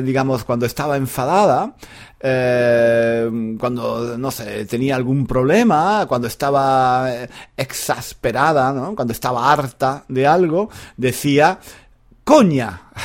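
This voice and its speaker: Unhurried Spanish man, repeats himself. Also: mid-range voice. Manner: unhurried, many fillers and repetitions, chuckles often. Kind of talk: casual explanatory lesson.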